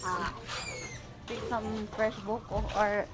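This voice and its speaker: A woman's voice: medium pitch, fairly even intonation, slow. A woman giving brief, hesitant replies in casual chat. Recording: loud noise, speaker off the mic.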